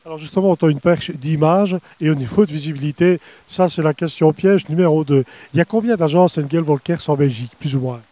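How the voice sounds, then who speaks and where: A man's voice: on the high side, fairly quick, hardly any pauses, mellow, no room sound. Upbeat middle-aged male presenter. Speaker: interviewer. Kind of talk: event interview. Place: outdoors on a lawn at an evening reception. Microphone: handheld microphone.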